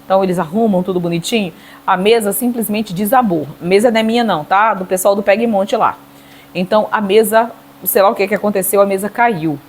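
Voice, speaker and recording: A woman's voice: medium pitch, fast. Chatty Brazilian woman teaching cakes. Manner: chatty, sprinkles "tá?" and "certo?" tag questions. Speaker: cake decorating teacher. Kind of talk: casual tutorial to camera.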